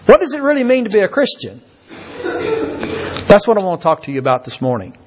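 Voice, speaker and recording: An older man from Kentucky, a visiting preacher who talks haltingly and repeats words, with many fillers. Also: sits high, huge pitch swings, dull audio, background noise. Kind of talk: sermon.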